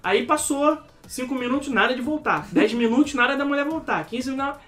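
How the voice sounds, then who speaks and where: A man telling lively stories in a casual podcast chat, acting out the scenes as he goes. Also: very high voice, a little fast. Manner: lively storyteller, acts out scenes. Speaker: former airport security worker telling stories.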